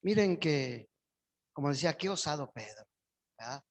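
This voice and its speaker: A man's voice: on the high side, lively intonation, moderate pace. A male pastor preaching a sermon in church, his voice surging up with emphasis on key phrases.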